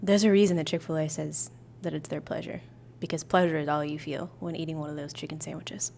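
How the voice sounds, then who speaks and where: A woman's voice: low voice, fairly even intonation, quick pace, creaky, darkish tone, slight background noise. A young woman co-hosting a casual couple's podcast, playfully teasing her partner with mock-dramatic flair. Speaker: podcast co-host.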